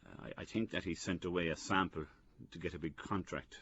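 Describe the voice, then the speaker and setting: A man's voice: deep voice, fairly even intonation, brisk, fairly bright tone, slightly rough. A man recalling family business history in a matter-of-fact way, in a dull radio recording. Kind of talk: oral history recollection.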